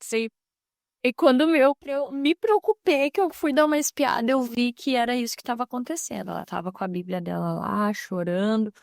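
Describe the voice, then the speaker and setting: A middle-aged mother earnestly tells a personal faith story on a podcast, slipping into the lines of her family as she goes. Her voice sits a little high for a woman. The recording is dry and close, with no room echo. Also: moderate pace, gravelly. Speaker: mother and housewife sharing a testimony.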